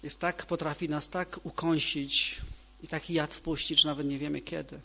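A man preaching a sermon to a congregation, emphatic, repeating key phrases and moving between loud and soft delivery. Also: a little high, little pitch movement, normal speed, creaky.

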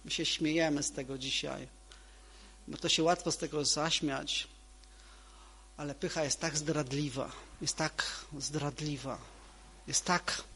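A man preaching a sermon to a congregation, emphatic, repeating key phrases and moving between loud and soft delivery. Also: fairly high pitch, steady tone, a little slow, pauses often, slight background noise.

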